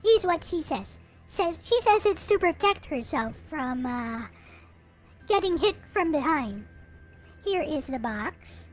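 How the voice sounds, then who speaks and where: A streamer with a clearly high-pitched voice shows off her collection of anime figures in a casual show-and-tell. She speaks playfully and informally in a sing-song manner, taking it slowly. Music plays in the background.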